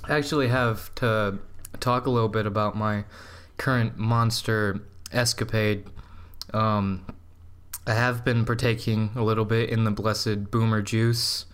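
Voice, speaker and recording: Rambling young podcast host. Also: male voice, on the low side, steady tone, a bit bright, clear, resonant tone. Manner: rambling, laughing, halting with fillers. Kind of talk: casual chat.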